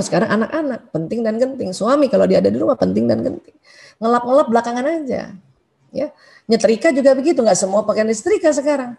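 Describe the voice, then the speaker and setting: A woman's voice: sits high, darkish tone. A middle-aged woman, a doctor, giving a religious parenting talk to parents, chatty and full of "ya" tags, often acting out quoted voices.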